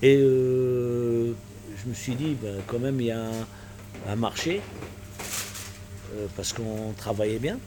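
A man in his sixties, Portuguese-born with Portuguese as his first language, speaks in a medium-pitched voice over a noisy bar background. In an interview he recalls his life casually, sounding reflective and hesitant, halting often and restarting his sentences.

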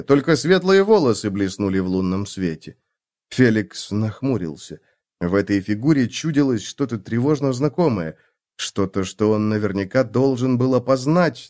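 A man narrating an audiobook in a scripted, expressive reading. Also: medium pitch.

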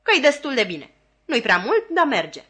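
Shrill scolding housewife done by a woman reader, sarcastic, bossy, high, loud, audiobook. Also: big pitch swings.

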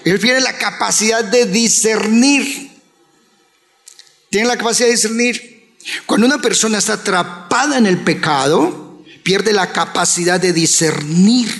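A man's voice: high voice, a bit bright. A Colombian man with a Colombian Spanish accent preaching a sermon as a pastor, asking rhetorical questions and acting out pleas. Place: church hall. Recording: reverberant church hall.

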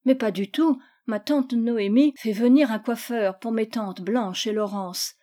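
A woman's voice: on the high side, measured pace, warm tone, natural voice. A woman voicing a spoiled, demanding little girl who whines and insists in a storybook reading. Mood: petulant. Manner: whiny, insistent.

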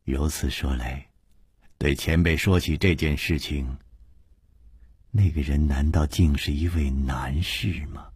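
A man voicing a sharp, teasing young woman who presses with questions in a martial arts story. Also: very deep voice, steady tone, husky, dry recording, pitched below the performer's own voice, heavily acted. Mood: probing. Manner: probing, quick questions.

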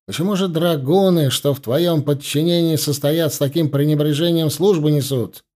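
A man's voice: a little high, moderate pace, mellow, lightly acted. A man voicing a strict young male ensign who barks orders with scorn. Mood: scornful.

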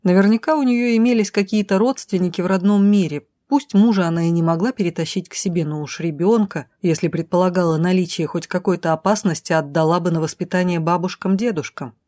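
A woman reading a fantasy audiobook aloud, telling it lively in the first person. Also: lowish voice, fast, hardly any pauses, no room sound. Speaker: audiobook narrator.

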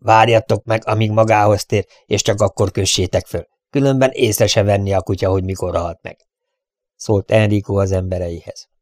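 A man's voice: lowish voice, fairly even intonation, no echo, studio quality, lightly acted. A man voicing a cruel, mocking bandit who threatens and sneers. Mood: commanding.

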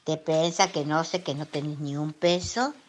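A woman's voice: low-pitched, fairly even intonation, moderate pace, slight background noise, close to an everyday voice. An Argentine woman acting a haughty, nosy, mocking salon client in a radio comedy.

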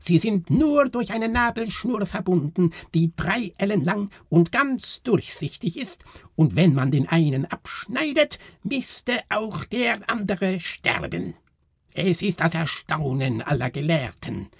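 A brash fairground barker woman, put on by a male reader, shrieks her wonders in a strange dialect. Her voice jumps very high and stretches each word slowly. Breathy rasp runs under it. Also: very animated, no echo, studio quality, heavily acted. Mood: shrill announcing. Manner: shrieking, drawn-out, foreign dialect.

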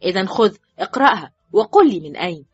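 A woman's voice: medium pitch, animated, fast talker, slightly rough, no room sound. A woman reading an audiobook voices a man, a surgeon, dry and easily irritated, curt and sardonic. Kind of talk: audiobook character voice. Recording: dull, dry recording with faint music.

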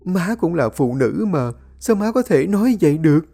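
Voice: mid-range voice, very animated, moderate pace, creaky, mellow, faint music behind, pitched above the performer's own voice. A storyteller voicing a meek young pregnant daughter-in-law who pleads and whimpers. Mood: pleading.

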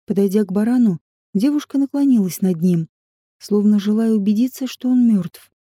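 A woman narrating an adventure novel audiobook in an even, measured reading. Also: medium pitch, breathy edge, dry recording, studio quality.

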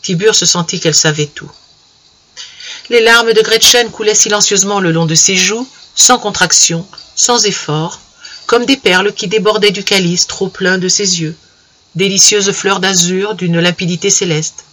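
A man narrating a classic literary story in a measured, expressive reading style. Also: high voice, a little hiss or hum. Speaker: audiobook reader.

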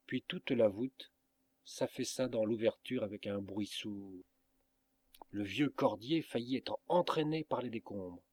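Low-voiced male audiobook reader. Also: a little mellow, dry recording. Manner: measured, dramatic reading. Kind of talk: scripted storybook narration.

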